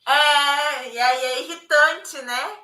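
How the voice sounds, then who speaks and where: Thirtyish woman, high sharp voice, roomy echo, talks it through w her mom. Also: slow pace. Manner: reflective, filler-heavy with frequent "né?". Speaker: daughter, co-host. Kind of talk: casual conversation.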